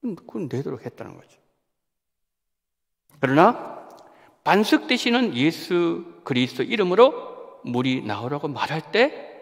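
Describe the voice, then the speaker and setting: A male pastor preaches in a church sanctuary, his voice swinging widely from low to high as he acts out the people in his text. His tone is gravelly and fairly high, and a long reverb trails each phrase. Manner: animated preaching, acting out quoted voices and asking the congregation questions. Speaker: senior pastor. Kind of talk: sermon.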